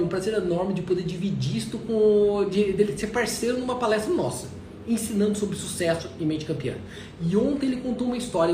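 Emphatic Brazilian motivational speaker. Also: male voice, sits high, dark tone. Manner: emphatic, drawn-out stresses. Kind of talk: motivational talk. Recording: echoey room, faint noise.

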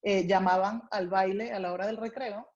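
A young Venezuelan woman with a Venezuelan Spanish accent chats about her life as a guest in a casual interview, where she appears as a food writer. Her mid-range voice is a little mellow and fairly even in intonation, at a normal speed, and the recording's highs are cut off.

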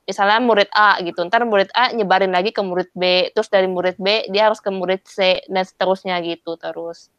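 A young adult woman co-hosting a podcast, explaining things and wrapping up the episode in a relaxed way. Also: mid-range voice, brisk, smooth, no room sound, muffled recording. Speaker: podcast co-host. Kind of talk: casual chat.

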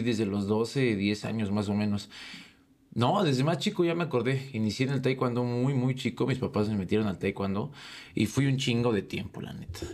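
A young man with a Mexican accent chats casually as a podcast guest. He's a jiu-jitsu instructor who tells stories in a joking, slangy way, and his medium-pitched voice is a little mellow.

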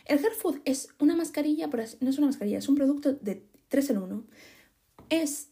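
A young woman, chatting casually and giving listeners advice on her podcast, expressive and laughing often. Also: sits high, a little fast. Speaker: podcast host answering listener questions.

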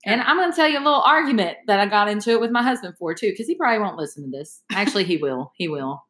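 Talking very fast with lively intonation, a podcast host shares stories in a chatty style, calling her listeners y'all. Her mid-range voice has a fairly bright tone, and the recording is reverberant.

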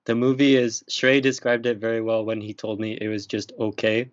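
A man's voice: on the low side, monotone, moderate pace, dry recording. A young man chatting casually on a podcast, rambling and hesitant with lots of fillers. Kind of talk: casual chat. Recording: dry, muffled lo-fi audio.

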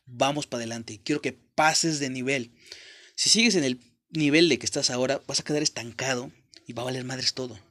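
Brisk and a bit bright, this medium-pitched male voice belongs to a young Mexican man hosting a podcast, speaking with a Mexican accent. He addresses the listener directly in a crude, profane motivational monologue.

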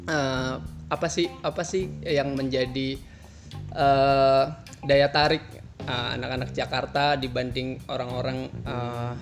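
A man's voice: mid-range voice, steady tone, takes it slowly, creaky, music in the background. A man from Central Java hosting a casual podcast chat, joking and asking questions with lots of fillers. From Central Java, Indonesia. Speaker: podcast host.

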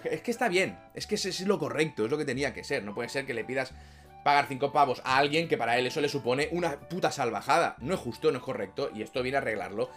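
Spanish guy ranting to his viewers, talks fast, swears a lot, laughs at his own jokes, music under him. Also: on the high side, a bit bright. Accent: Spain Spanish. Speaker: video creator and streamer. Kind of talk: casual talk to camera.

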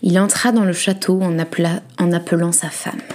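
A woman host reading a dark fairy tale aloud in a soft, breathy, often whispered storytelling voice. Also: lowish voice, fairly even intonation, brisk. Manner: hushed, dramatic.

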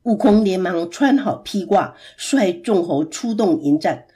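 Expressive woman storyteller for children. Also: fairly low pitch, slow pace, slightly rough. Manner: expressive, dramatic reading.

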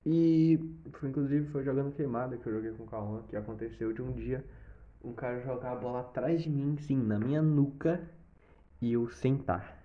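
A young man with a Brazilian accent telling a personal story in a casual, animated way, with sound effects and swearing. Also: mid-range voice, normal speed. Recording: slightly dull lo-fi recording.

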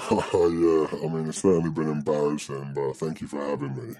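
A man speaking through a pitched-down voice disguise as an anonymous podcast guest, talking hesitantly and rambling with many fillers. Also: level tone, moderate pace, dark tone. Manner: hesitant, rambling, full of "you know". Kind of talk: casual chat.

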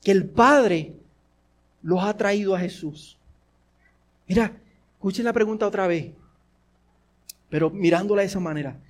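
A male pastor preaching a sermon, repeating rhetorical questions and swinging between forceful and hushed delivery. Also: sits high, unhurried, long pauses.

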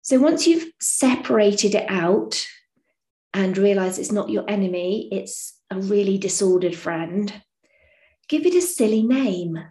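A woman's voice: medium pitch, expressive, measured pace, dark tone. A woman hosting a podcast, giving casual, encouraging advice in a frank, chatty way that includes casual swearing. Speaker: podcast host. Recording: echoey room.

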